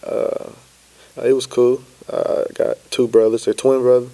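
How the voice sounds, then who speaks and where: A man, a podcast guest, talking easily with many fillers and soft trailing asides. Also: mid-range voice, little pitch movement, a little slow. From United States (Florida). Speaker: guest, entrepreneur. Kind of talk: casual interview chat.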